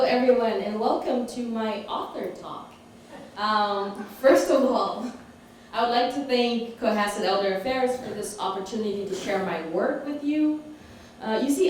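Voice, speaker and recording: A woman's voice: mid-range voice, darkish tone, recorded from a distance, a little hiss or hum. A woman from Malawi giving an author talk to an audience, engaging them with questions and laughing often. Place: community hall. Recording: echoey hall recorded from afar.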